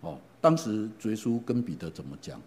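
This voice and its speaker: A middle-aged man preaching a sermon, retelling stories in an animated way and often asking his listeners questions. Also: on the low side, fairly quick, a little hiss or hum. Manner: animated, asks the congregation questions, frequent fillers. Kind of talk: sermon storytelling.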